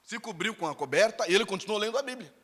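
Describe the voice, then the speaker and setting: A man's voice: high voice, animated, very fast, a bit bright. A Brazilian man preaching a sermon in a church, telling a story with emphatic, repetitive phrasing. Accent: Brazilian Portuguese. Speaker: pastor. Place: church sanctuary. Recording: reverberant church hall.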